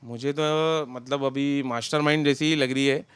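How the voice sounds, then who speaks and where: A man's voice: medium pitch, normal speed, clear, resonant tone, dry recording. A young man, chatting loosely as an interview guest about a friend. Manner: relaxed, talks in loose run-on sentences. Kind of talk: casual interview chat.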